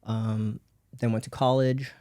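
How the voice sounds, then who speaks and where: A man's voice: on the low side, little pitch movement, a little slow, mellow, no echo, clean studio sound. A man raised in Belgium, a podcast guest telling his life story in casual rambling talk with many fillers and frequent laughs.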